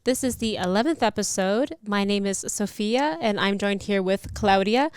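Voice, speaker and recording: A woman hosts a student podcast in a bubbly, playful way, joking with her guests. Her voice is smooth and clear at an ordinary pitch for a woman. The sound is dry and close-miked. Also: moderate pace, no room sound. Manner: bubbly, playful, laughs often. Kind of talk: podcast interview.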